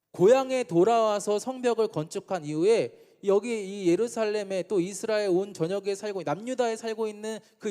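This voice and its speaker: A man's voice: sits high, a little mellow. A man in his thirties preaching a youth sermon, asking the students questions and answering them himself. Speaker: youth pastor. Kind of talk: sermon to teenagers. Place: church hall. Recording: reverberant church hall.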